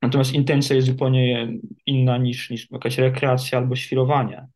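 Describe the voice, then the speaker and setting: A man, an addiction therapist, answering interview questions in a measured, reflective way with many hesitations. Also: mid-range voice, level tone, a little mellow. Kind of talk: interview guest.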